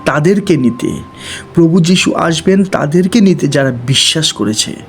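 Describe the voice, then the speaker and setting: Bengali preacher man over soft music. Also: a little high, animated, normal speed. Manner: repeats key phrases, reads scripture aloud. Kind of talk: Bible teaching sermon.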